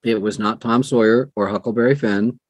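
Speaking conversationally in an interview, an older man who narrates audiobooks pauses deliberately and phrases things in a measured, emphatic way. The fairly low voice holds a steady tone, the audio is dull, and no room sound is present.

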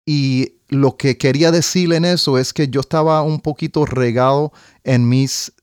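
A man's voice: mid-range voice, moderate pace, clean tone, no room sound, clean studio sound. A man, a trumpet player, telling an anecdote in casual conversation and scatting out rhythms and melodies as he goes. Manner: animated, sings out rhythms and melodies. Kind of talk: conversational storytelling.

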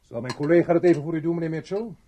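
An actor dubbing a stern police sergeant who questions in a probing way. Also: male voice, a little high, rapid-fire, mellow, a little hiss or hum, lightly acted. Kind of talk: dubbed film acting.

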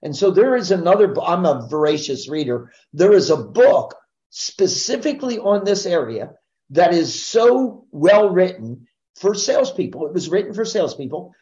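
A man's voice: high-pitched, a little mellow, muffled recording. A man speaking as a guest in a podcast interview, explaining sales ideas in an assertive, emphatic teaching manner.

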